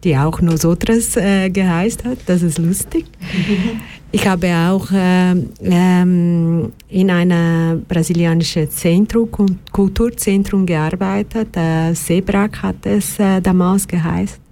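A middle-aged woman from Brazil with a Brazilian Portuguese accent, a psychologist and counselor speaking as a radio guest, hesitant with many pauses and fillers. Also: lowish voice, steady tone, warm tone. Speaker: psychologist and victim support counselor. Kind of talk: radio talk show guest.

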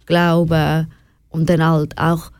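In a personal, reflective interview, a young Swiss woman of Afghan heritage talks openly in a Swiss German accent, slipping in English words now and then. She speaks slowly in a low voice with little pitch movement, and her tone is darkish, clear and resonant. The recording is dry.

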